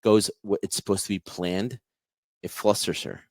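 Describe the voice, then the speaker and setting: A man co-hosting a podcast, giving earnest, quick opinions in casual chat. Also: on the low side, steady tone, a little mellow, no echo, studio quality. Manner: earnest, quick, restarts phrases. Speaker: podcast co-host.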